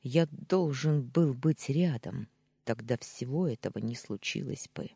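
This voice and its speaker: Young man pleading read by a narrator; husky, slow, animated delivery, dry booth. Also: medium pitch, no echo. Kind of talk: audiobook character reading.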